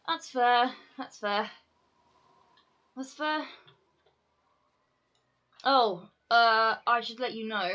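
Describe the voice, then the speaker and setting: A woman's voice: a little high, bright, forceful tone, highs cut off. A woman chatting casually on a game live-stream, scattered, talking to herself and swearing casually.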